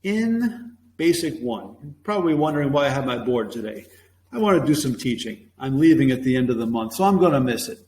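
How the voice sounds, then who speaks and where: A man's voice: sing-song, fairly quick. Emphatic male teacher in an echoey room. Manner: emphatic, punchy, opinionated; acts out classroom phrases in a bright higher voice. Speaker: teacher and presentation coach. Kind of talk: instructional talk to camera. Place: classroom with a whiteboard. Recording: echoey room with faint hum.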